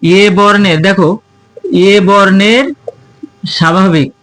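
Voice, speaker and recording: A man's voice: sits high, steady tone, slow pace, a bit bright, no echo. A male teacher giving an informal grammar lesson to students. He asks questions, answers them himself and keeps repeating the key terms. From Bangladesh. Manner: colloquial, informal address to students.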